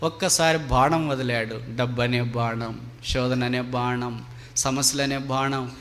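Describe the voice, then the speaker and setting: A man's voice: mid-range voice, fairly even intonation, a little slow, a bit bright, slight background noise. A man preaching a sermon, telling a story in an earnest, dramatic manner in a large meeting hall. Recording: long hall reverb.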